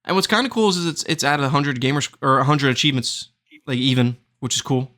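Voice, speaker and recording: Bright-voiced man chatting about games. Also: mid-range voice, fast. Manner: rambling, searching for words. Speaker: podcast host. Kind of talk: casual chat.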